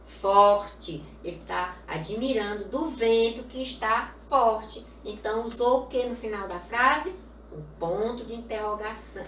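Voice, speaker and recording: A woman's voice: mid-range voice, fairly bright tone, distant mic, slight background noise. A woman teaching a recorded class to young children, patient and repeating each point with little check-in questions. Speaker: primary school teacher. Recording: echoey room, voice off-mic.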